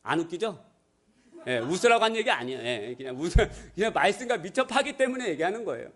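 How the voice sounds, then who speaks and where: High-voiced male pastor preaching. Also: big pitch swings, fast talker, fairly bright tone. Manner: playful, acts out voices in anecdotes. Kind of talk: sermon. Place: church sanctuary.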